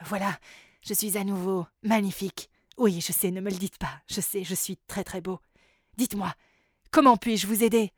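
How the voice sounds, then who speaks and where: A woman's voice: mid-range voice, steady tone, normal speed, no echo, clean studio sound, natural voice. A woman voicing a vain, boastful male elf boy-band singer in a children's storybook, with a pompous, self-admiring manner. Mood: smug. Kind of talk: storybook character voice.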